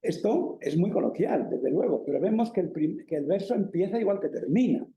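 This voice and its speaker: Brisk and lively in intonation, a Spanish university professor with a high, dark-toned voice and a Peninsular accent gives an academic lecture. The room echoes as he moves step by step, filling his speech with fillers and tag questions.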